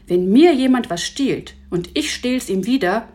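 A woman's voice: on the high side, expressive, unhurried, a little mellow, voice pushed up. A woman voicing a scrappy, hot-headed boy who grumbles and takes offense. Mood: indignant. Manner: indignant, grumbling.

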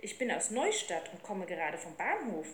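A woman's voice: on the low side, big pitch swings, moderate pace, slight background noise. A woman reading aloud, voicing an earnest, polite boy from a small town. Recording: roomy with faint ambience.

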